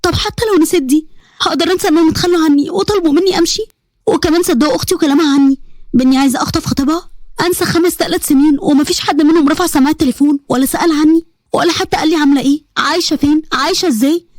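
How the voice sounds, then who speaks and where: Woman playing young egyptian student, hurt and stubborn, high voice, very fast, storybook. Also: a little mellow, no echo, studio quality, close to an everyday voice. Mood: tearful. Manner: earnest, emotional, quick. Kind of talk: storybook narration.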